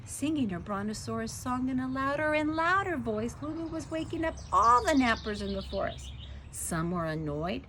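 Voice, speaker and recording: A woman's voice: high-pitched, lively intonation, moderate pace, very noisy. A woman reading a children's story aloud, playful, stretching dramatic words and asking the listener questions.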